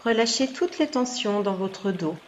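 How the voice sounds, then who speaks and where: This yoga nidra teacher leads her guided meditation in a mid-range voice with lively intonation, offering gentle, soothing cues at a leisurely pace with long pauses. Behind her, running water and noise come through a slightly dull, lo-fi recording.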